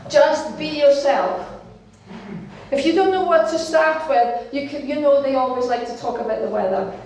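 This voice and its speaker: A Danish woman pastor preaches a sermon in a very echoey church hall, earnest and encouraging, using short emphatic phrases. Her voice sits high with a darkish tone, at normal speed, and there's slight background noise.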